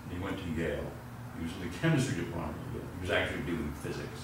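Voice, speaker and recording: An older male physics professor gives a university lecture in a large chalkboard room, caught by a distant room mic that makes it echoey, with noisy surroundings. His deep voice moves rapid-fire with fairly even intonation as he rambles through anecdotes and keeps interrupting himself.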